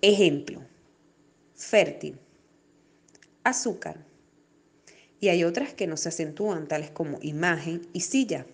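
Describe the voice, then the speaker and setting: A woman teacher giving a recorded distance-learning lesson to children, speaking slowly and clearly and stressing syllables as she explains. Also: lowish voice. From Venezuela. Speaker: primary school teacher.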